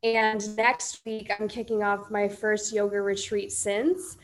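A woman in her thirties from Iowa, a yoga teacher and coach, answering interview questions in a calm, measured way. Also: medium pitch. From Iowa, United States.

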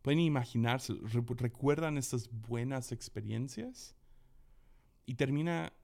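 A man's voice: mid-range voice, a little slow, vocal fry. A young adult man, telling stories in a casual talk, acting out quotes and laughing often. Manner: animated storyteller who acts out quotes and laughs often.

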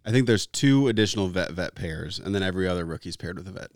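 Low-voiced blunt podcast man. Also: expressive, fast talker, no echo, studio quality. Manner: blunt and opinionated. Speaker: podcast co-host. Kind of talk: casual chat.

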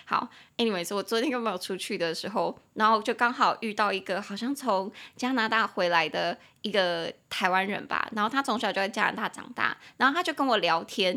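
A woman's voice: mid-range voice, gravelly, pushed and bright. A woman hosting a casual English-lesson podcast, chatty and prone to tangents, spelling out words as she teaches. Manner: chatty, digressive, spells out words and switches between Mandarin and English. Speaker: English tutor and podcast host.

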